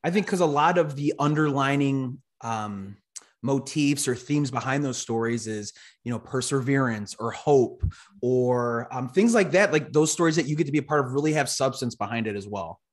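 A man's voice: mid-range voice, moderate pace. A man hosting a podcast from a home office, asking questions in a friendly way, with stumbling restarts and lots of "you know". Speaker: podcast host. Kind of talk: casual interview. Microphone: headset mic.

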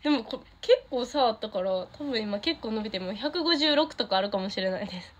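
A woman's voice: fairly high pitch, expressive, brisk, lo-fi sound. Bubbly teenage girl with a Kansai accent. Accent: Kansai Japanese. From Japan. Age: teens. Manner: bubbly, giggly, easily delighted by comments. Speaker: idol streaming to fans. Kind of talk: casual livestream chat reading fan comments.

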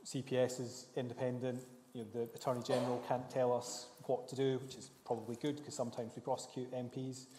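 Measured man in an echoey hall. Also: medium pitch, level tone, background noise. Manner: measured, explanatory. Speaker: prosecutor panellist. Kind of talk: panel discussion. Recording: roomy hall reverb.

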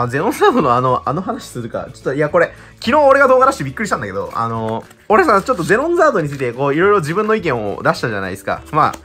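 A man in his twenties chatting casually and excitedly while opening trading-card packs, laughing often. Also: fairly high pitch. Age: 20s. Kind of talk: casual chat while unboxing.

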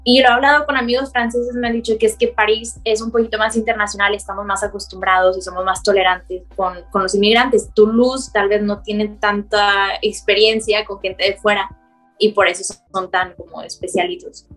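A woman's voice: mid-range voice, normal speed, soft background music. A woman from Mexico with a Mexican Spanish accent, a scientist chatting as a podcast guest and telling her stories with a lot of animation. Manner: animated storytelling, acting out quoted dialogue, laughing often. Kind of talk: casual podcast conversation.

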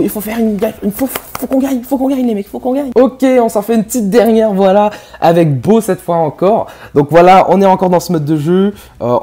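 A man giving live gameplay commentary, swearing often and swinging from low mutters to loud yells. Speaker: gaming YouTuber.

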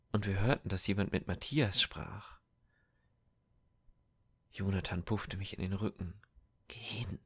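Deep, gravelly-voiced man reading an audiobook. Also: no echo. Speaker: audiobook reader. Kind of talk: audiobook narration.

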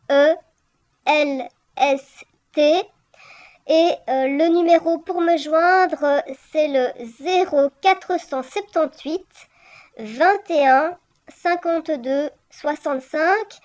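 Woman acting high-voiced, slow-speaking polite caller. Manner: hesitant, polite, careful spelling. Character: keen, polite woman enquiring about renting a flat. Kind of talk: scripted voicemail role-play.

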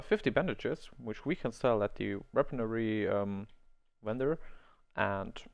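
Playing an online role-playing game, a male host who is not a native English speaker offers rambling, think-aloud commentary and laughs at his own slip-ups. He has a mid-range voice with vocal fry, and the tone is clean.

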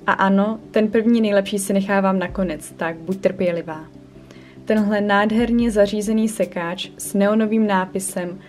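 An upbeat young woman narrates a vlog in a chatty, enthusiastic way. Her voice is warm and mellow, with faint music playing underneath. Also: mid-range voice. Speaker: vlogger and online secondhand shop owner. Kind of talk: scripted vlog voice-over. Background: faint background music.

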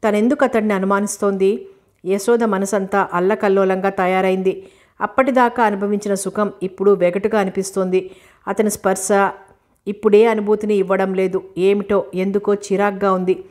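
Audiobook narrator: woman, mid pitch, flat, measured novel reading.

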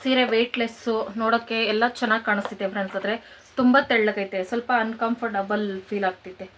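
A woman's voice: fairly high pitch, fairly even intonation, brisk. Brief: woman, late twenties, rural Kannada accent, playful home vlogger speaking to fans, phone-recorded with faint hiss. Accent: rural Kannada, Kanakapura area. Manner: joking, addresses viewers as friends, coos at pets. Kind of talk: casual chat to viewers. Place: village home, indoors and outdoors.

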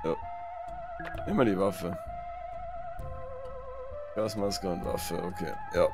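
A man casually commenting on his gameplay and reading the game's text aloud in a chatty, running flow, with loud game music underneath. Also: low voice, huge pitch swings, slow pace. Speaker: let's play gamer.

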